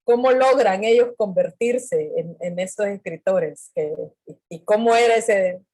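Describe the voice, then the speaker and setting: A woman's voice: mid-range voice, measured pace, a little mellow. A woman interviewing a guest, asking questions hesitantly as she searches for her words. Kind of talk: conversational interview.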